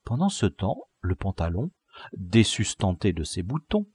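A man reading a classic novel aloud as an audiobook narrator, measured and expressive. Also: low-pitched, husky, no echo. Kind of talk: scripted narration.

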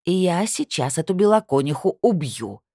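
A sly, sharp-tongued older woman, read by a woman narrator, gloating and mocking in a storybook voice. Her tone is low-set but swings a lot, with a dry, close sound. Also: very animated, a little fast, no room sound, heavily acted. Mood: hissing.

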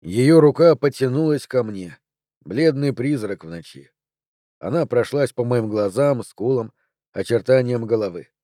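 Calm man narrating an audiobook, warm mellow voice, dry close mic. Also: medium pitch, a little slow, dry recording. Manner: calm, even, first-person storytelling. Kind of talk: scripted narration.

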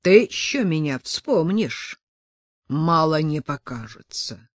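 Женщина играет молодого задиристого парня с хрипловатым голосом: говорит в сторону, глухо и угрожающе, растягивая слова. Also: female voice, very animated, takes it slowly, no echo, clean studio sound, full character voice. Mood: grumbling. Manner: hoarse, low, threatening mutter. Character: surly young brawler man, menacing.

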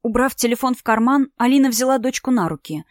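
A woman's voice: fairly high pitch, lively intonation, fast talker, no room sound. Woman reading a story, dry sound. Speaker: narrator. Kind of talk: storybook narration.

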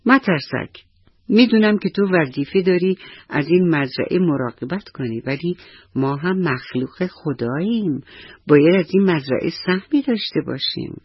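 A man voicing a gentle, hungry pigeon who pleads softly in a children's radio story. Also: fairly high pitch, animated, slightly rough, dry recording, lo-fi sound. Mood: pleading.

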